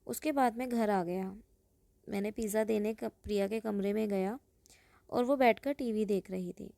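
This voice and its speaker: Woman, story narration, even storytelling read, gravelly, dry close sound. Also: mid-range voice, moderate pace, no echo. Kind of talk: first-person story narration.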